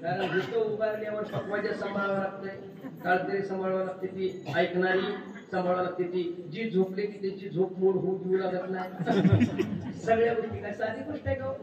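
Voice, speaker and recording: High-voiced joking kirtan preacher in echoey hall. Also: male voice, steady tone, normal speed. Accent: Marathi rural Maharashtra. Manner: humorous storytelling with sudden loud exclamations. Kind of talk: Marathi kirtan sermon. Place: large pavilion at a kirtan gathering. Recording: far-off echoey hall mic, slightly dull, noisy.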